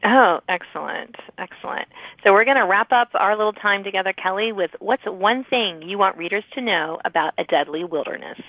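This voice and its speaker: A woman hosting a podcast interviews a guest conversationally, speaking fairly quickly in a mid-range voice. The audio is narrow and phone-like, with no room sound.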